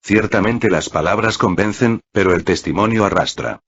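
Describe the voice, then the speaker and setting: A man's voice: fairly low pitch, normal speed, a bit bright, slightly rough. A man preaching an earnest Sunday reflection, exhorting his listeners. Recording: dull lo-fi audio.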